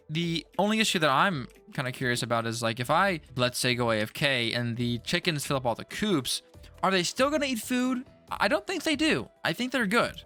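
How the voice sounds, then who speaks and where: A young man talks through his farming game in a loose, rambling way, tripping over repeated words. His voice is bright and a little high for a man, and he sounds jittery from an energy drink. Soft music runs under his voice. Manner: rambling, stuttery, self-talk with repeated words. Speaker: gaming YouTuber. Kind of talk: casual gameplay commentary.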